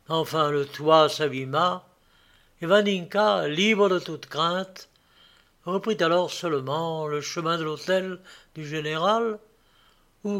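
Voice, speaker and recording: A male narrator reads a classic tale at an unhurried, deliberate pace. His voice is somewhat higher than most men's and stays steady and measured throughout. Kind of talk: audiobook reading.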